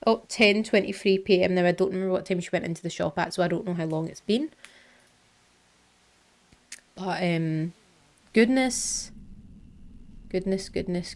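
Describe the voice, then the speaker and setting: A woman's voice: on the low side, steady tone, brisk, long pauses. A young woman streaming herself playing a horror game, chattering nervously to herself with yelps and gasps. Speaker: gaming streamer. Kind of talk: horror game let's play commentary.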